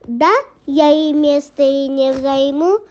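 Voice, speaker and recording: A woman's voice: sits high, fairly even intonation, slow pace, warm tone. A young female reader voicing a sly, pushy little female fox in a children's folk tale, wheedling and demanding. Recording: muffled lo-fi recording.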